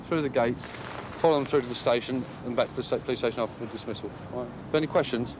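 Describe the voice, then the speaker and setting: A male police officer gives colleagues an instructional briefing at medium pitch. Engine noise is clearly heard outdoors around him. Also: fast.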